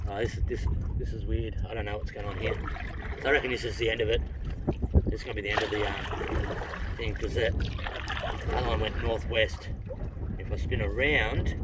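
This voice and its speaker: A man's voice: on the low side, far from the mic. Aussie tradie type bloke rambling to his phone outdoors, laid back, a bit away from the mic, wind and water noise. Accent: Australian. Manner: laid-back, rambling thinking aloud, swearing, self-mocking. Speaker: vlogger. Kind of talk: casual chat to camera while paddling. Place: outdoors on a canoe on open water. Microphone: phone propped up in front of him.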